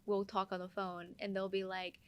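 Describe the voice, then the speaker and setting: A woman's voice: mid-range voice, little pitch movement, normal speed, clean tone, highs cut off. A woman guest on a podcast, a nurse, talking casually with lots of fillers and restarts. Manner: chatty, many fillers and restarts. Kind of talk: casual conversation.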